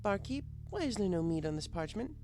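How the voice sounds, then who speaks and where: Guy doing a high voiced pony princess, formal old-timey royal talk, bossy and haughty, fantasy audiobook. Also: big pitch swings, fairly quick, warm tone, a little hiss or hum. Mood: curious, imperious. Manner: formal, archaic, imperious. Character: haughty pony princess, female, archaic royal speech, easily exasperated.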